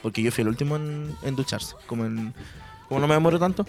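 Fast-talking young Chilean man. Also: medium pitch, faint music behind. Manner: animated storyteller, acts out voices. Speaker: radio show co-host. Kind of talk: casual chat.

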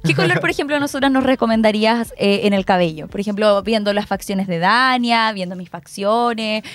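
A woman's voice: medium pitch, fairly quick, no echo. A young woman in her twenties hosting a radio interview, cheerful and curious. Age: 20s. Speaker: radio host.

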